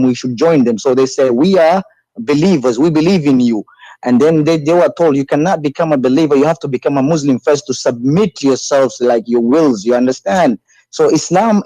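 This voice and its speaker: A man from Ethiopia speaking as a guest in a religious debate, halting and repeating words, with many fillers. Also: medium pitch, mellow, no echo, poor audio.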